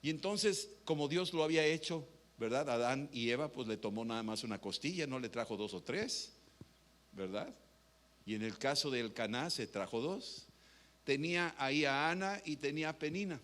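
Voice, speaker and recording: A man's voice: mid-range voice, expressive, moderate pace, fairly bright tone. A man preaching a sermon in a conversational way, often asking rhetorical questions.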